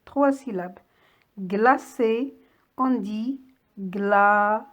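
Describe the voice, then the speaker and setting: Slow and deliberate, a female teacher leads a read-aloud lesson for small children, carefully splitting words into syllables. Her slightly high voice has a darkish tone and comes across like a voice-over.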